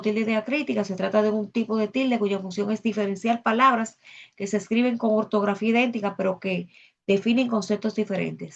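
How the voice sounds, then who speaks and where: A woman teacher walks through spelling rules in an even, measured delivery, often pausing on small filler sounds. Her voice sits at a middle pitch. The recording is somewhat dull and muffled, like a modest lo-fi online class. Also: gravelly. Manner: measured, explanatory, with frequent "eh" fillers.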